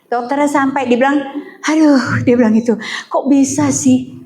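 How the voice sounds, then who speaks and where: A woman pastor delivers a sermon built around a personal testimony. She has a high voice. She tells her story in an animated way, acting out the other people in it with swings in her pitch. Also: moderate pace.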